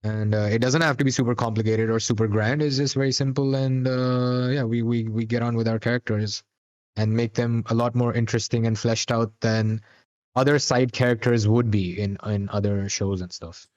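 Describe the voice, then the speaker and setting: Man, podcast co-host, casual recap chat, rambling, lots of restarts, mid pitch. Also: fairly even intonation, normal speed, a little mellow, muffled recording. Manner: rambling, many fillers and restarts.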